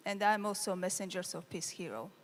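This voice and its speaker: Woman, panel chair, brief and halting, echoey conference room. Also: medium pitch. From Georgia. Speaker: regional committee chair. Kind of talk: panel self-introduction. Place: large conference hall.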